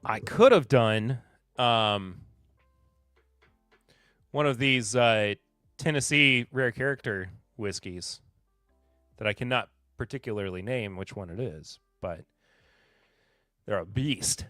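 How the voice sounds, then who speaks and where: A man from Kentucky hosts a live podcast, chatting casually and chuckling in a laid-back way as he reads and responds to viewer comments. His voice is fairly low and fairly bright, and he speaks slowly with frequent pauses. The studio-quality recording is dry, with soft music in the background.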